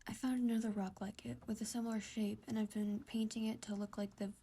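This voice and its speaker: A woman voicing a gentle, caring teenage boy in a whispered role-play, speaking softly and reassuringly. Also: mid-range voice, level tone, a little fast, breathy edge. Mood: tender. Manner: soft, soothing, reassuring.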